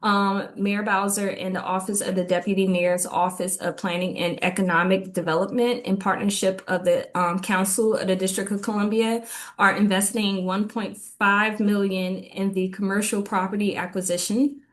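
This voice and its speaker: A woman reads out a list of local events and grant programs at a neighborhood meeting. She pauses often with ums and sounds slightly out of breath. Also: mid-range voice, little pitch movement. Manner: halting, many ums, reads list of items. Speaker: city government liaison giving community updates. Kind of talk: meeting update report.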